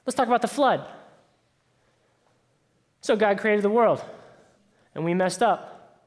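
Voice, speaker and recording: A man's voice: high voice, slow. A man preaching a conversational sermon as pastor, telling stories in a casual way with frequent "like". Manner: casual storytelling, sprinkled with "like". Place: church sanctuary. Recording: long reverb of a church hall.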